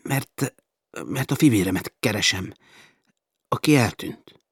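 A man voicing a timid young man who stammers softly with a trembling voice, dry recording. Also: medium pitch, expressive, slightly rough, dry recording. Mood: frightened. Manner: stammering, hesitant, quiet.

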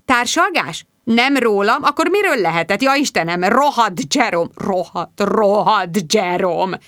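A woman's voice: medium pitch, expressive, fairly bright tone, no room sound, clean studio sound, natural voice. A woman doing a wailing, heartbroken young man. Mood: despairing. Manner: overwrought, wailing self-pity.

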